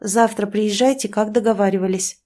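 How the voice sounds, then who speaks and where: A woman's voice: medium pitch, fairly even intonation, moderate pace, mellow, natural voice. A woman reading an audiobook, voicing a decisive, reassuring female friend. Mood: firm. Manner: firm, reassuring.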